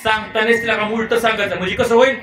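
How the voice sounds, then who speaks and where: Man, high voice, playful kirtan preacher, echoey far-off hall. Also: steady tone, fast talker. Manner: playful, teasing the audience with questions. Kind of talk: devotional kirtan sermon with storytelling. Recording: echoey and distant, live hall with music.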